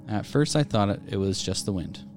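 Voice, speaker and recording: Faint music plays as this man, co-hosting a podcast, reads listener ghost stories with a steady storyteller's delivery and chats casually between them. His voice is lowish and his pace moderate.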